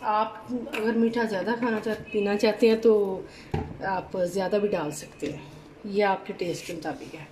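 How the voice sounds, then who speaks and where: With heavy background noise of clattering dishes and utensils, a woman cooks in her home kitchen for her channel, talking viewers through each recipe step and frequently telling them to look. She speaks in a steady, mid-range voice at a moderate pace.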